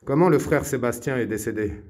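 Hushed man exploring a haunted house. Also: medium pitch, fairly quick. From Morocco. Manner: hushed, often whispering, murmuring Arabic invocations. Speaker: paranormal explorer. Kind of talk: night exploration vlog narration. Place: abandoned house at night.

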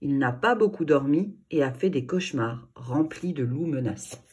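Expressive woman reading a children's book. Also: low voice, normal speed, husky. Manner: expressive storytelling. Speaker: narrator. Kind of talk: children's audiobook narration.

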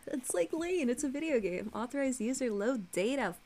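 A woman's voice: sits high, expressive, normal speed, a little mellow. A young woman casually hosting a game playthrough with friends, giggling, swearing freely and trailing off into fillers as she reads the on-screen text aloud. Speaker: let's play host. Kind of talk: casual gameplay commentary with friends.

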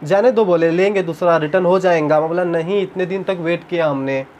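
A man's voice: high voice, a little fast, darkish tone, slight background noise. A young man, chatting casually in a home vlog and retelling a story with animation. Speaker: vlogger. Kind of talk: casual chat. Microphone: camera on tripod.

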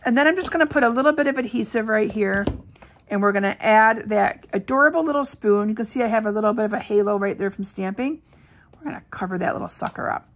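A woman's voice: mid-range voice, fast talker. A middle-aged woman demonstrating card making in a casual, chatty tutorial, her voice still scratchy with a lingering cough. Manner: chatty and upbeat, addressing viewers directly.

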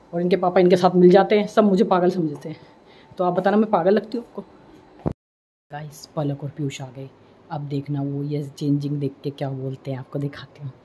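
Her voice sits low and dark, with a little noise in the background. This forties-aged mother and vlogger chats casually indoors at home, out of breath from cleaning and grumbling about herself with self-deprecating humor.

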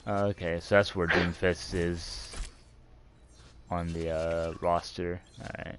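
A man's voice: deep voice, level tone, takes it slowly, noisy background. A man streaming a team shooter live, chatting and laughing as he plays. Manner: chatty, laughing, reacting loudly to the game. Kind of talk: live gameplay chat.

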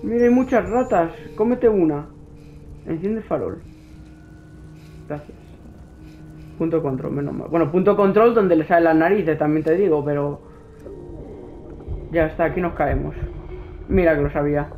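A man's voice: fairly high pitch, normal speed, pauses often, a little mellow, a little hiss or hum. A man with a Spain Spanish accent doing let's play commentary, talking to his game character and nervously pleading. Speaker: gaming youtuber.

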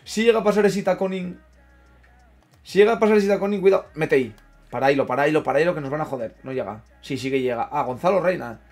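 A young man giving casual commentary while playing a football management game, chatting with viewers, swearing and yelling at big moments, then muttering low. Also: expressive, quick pace, faint music behind. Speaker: gaming streamer. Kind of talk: casual live gameplay commentary.

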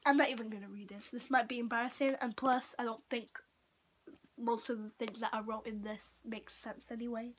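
A Portuguese teen, about 15, casually vlogs to camera indoors in a small home room, hesitating, peppering her talk with "like" and trailing off as she shows things. Her steady voice is on the high side, with a little hiss or hum from the built-in device mic at arm's length or a bit further.

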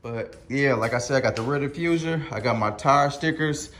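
A man in his thirties rambles casually to a handheld camera with a foam mic, wandering between his driveway and garage and dropping in plenty of fillers. His mid-range voice moves at a moderate pace with a fairly bright tone, and there's a little hiss or hum.

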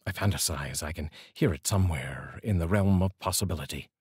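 A middle-aged man with a husky, deep, darkish voice reads poetry in measured, deliberate phrases after a casual introduction. He sits close to a large microphone in a small, dark indoor studio, and the recording is dry.

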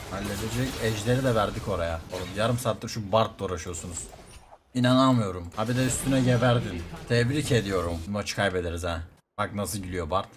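Excitable man giving gameplay commentary. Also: on the low side, background noise. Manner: excitable, quick reactive outbursts, repeats words. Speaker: game streamer.

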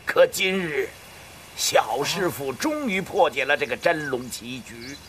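An effusive old elder of a kung fu film. His voice is fairly high and swings widely, drawn out theatrically at a slow pace. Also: sing-song, a bit bright, slight background noise. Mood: grateful, solemn. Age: older. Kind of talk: martial arts film acting.

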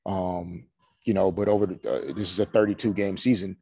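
Low-voiced, even-toned coach at presser. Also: male voice. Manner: measured, many "you know" and "um" fillers. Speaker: head coach at a postgame press conference. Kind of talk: postgame press conference answers. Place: small room before a team logo backdrop. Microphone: video call webcam.

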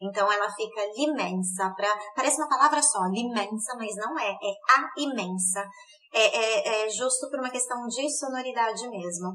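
A woman teaching an online Italian lesson in Portuguese, slowly repeating words for pronunciation. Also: a little high, pushed and bright, low-quality recording.

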